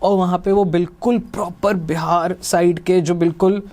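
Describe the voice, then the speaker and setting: A young man with a Delhi Hindi accent hosts a podcast and tells a personal story. His voice sits a little high for a man, and he slips into the voices of the people he quotes. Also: steady tone, moderate pace, darkish tone. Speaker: podcast host.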